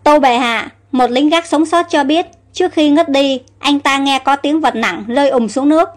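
A woman's voice: high voice, moderate pace, soft background music, close to an everyday voice. A woman reading as dutiful palace soldiers. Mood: urgent. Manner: formal, reporting.

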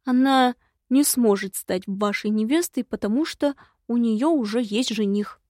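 A woman voicing a shaggy male imp helper in an audiobook, speaking quietly and guilelessly. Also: medium pitch, steady tone, normal speed, no room sound, clean studio sound, close to an everyday voice. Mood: hushed. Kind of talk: audiobook character reading.

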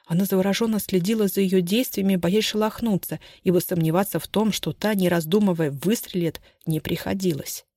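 Measured woman narrating a detective novel. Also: medium pitch, mellow, dry recording, studio quality. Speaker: audiobook narrator.

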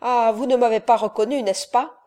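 A woman's voice: on the high side, fairly even intonation, moderate pace, lightly acted. A woman doing a furious sardonic nobleman. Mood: angry, scornful. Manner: sharp, scornful commands. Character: angry, sardonic middle-aged nobleman father. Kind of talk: audiobook character reading.

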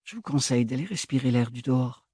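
A man voicing a reserved, bespectacled young woman who speaks in a flat, professional tone in an audiobook. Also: medium pitch, quick pace, slightly rough, no room sound, studio quality. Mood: flat, curt.

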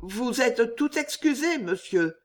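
A reader voicing a frightened young woman who pleads in a halting, breathless way. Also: mid-range voice, expressive, pitched above the performer's own voice. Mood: distressed.

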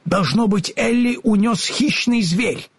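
A man voicing an anxious, excitable straw scarecrow in a storybook reading. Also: high-pitched, measured pace, husky, dry recording, voice pushed up, full character voice. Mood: worried.

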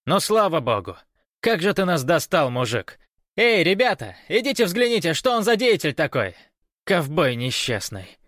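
A man voicing a gruff male checkpoint guard who barks and threatens through a loudspeaker. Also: on the high side, animated, moderate pace, few pauses, no echo, clean studio sound, voice pushed up. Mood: exasperated. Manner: shouting, rough, threatening.

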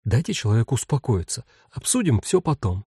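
A man doing a firm, steady mother. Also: fairly quick, husky, dry recording, clean studio sound, heavily acted. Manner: low, firm, soothing.

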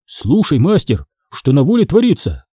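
A man reads the part of a scared young apprentice, anxious and pleading, his voice pitched up high. The reading rises and falls a lot and stays dry and close. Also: huge pitch swings, moderate pace, warm tone, husky, dry recording, full character voice. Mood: frightened. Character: frightened, superstitious young male apprentice.

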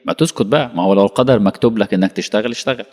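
Egyptian male preacher, low-pitched and rapid, animated with rhetorical questions, recorded in a hall with long reverb. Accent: Egyptian Arabic. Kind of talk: colloquial religious lesson.

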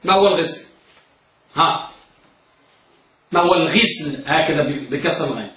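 A man's voice: a little high, animated, normal speed, fairly bright tone. A man teaching a class, quizzing students with repeated questions and urging them to speak up. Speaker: teacher of hadith. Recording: echoey room, voice from far off.

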